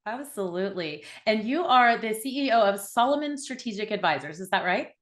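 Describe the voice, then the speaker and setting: A woman's voice: medium pitch, lively intonation, fairly quick. A woman in her early forties from Oklahoma, hosting a podcast interview in an enthusiastic, chatty way. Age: 40s. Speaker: podcast host.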